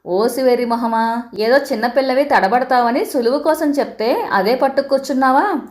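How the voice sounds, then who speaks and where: A sensible mother figure who scolds gently but firmly, as a woman storyteller puts her on. The voice rides noticeably higher than the narration, fond and matter-of-fact. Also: normal speed, close to an everyday voice. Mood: kindly scolding. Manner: affectionate scolding tone. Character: caring older mother, kindly scolding and sensible.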